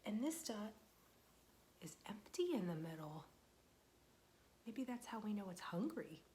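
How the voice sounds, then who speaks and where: Reading aloud to small children, a young children's librarian keeps a measured pace and a medium pitch with big swings. She's patient and gentle, posing questions and giving the kids time to respond, and there's slight background noise.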